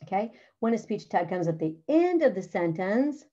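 A woman's voice: medium pitch, very animated, moderate pace, warm tone. A middle-aged woman teacher talking other teachers through a writing lesson, practical and chatty, often saying "all right" and "okay". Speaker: teacher presenting a writing curriculum. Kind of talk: instructional walkthrough. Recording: slightly dull, lo-fi sound.

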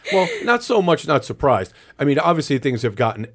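A man co-hosting a podcast, giving relaxed, reflective comments with small restarts. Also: a little high, a little fast. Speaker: podcast host. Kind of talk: casual chat.

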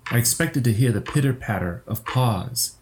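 A man narrating a horror story slowly and steadily for a podcast. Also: medium pitch, lively intonation, a little mellow, a little hiss or hum. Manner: slow, measured storytelling.

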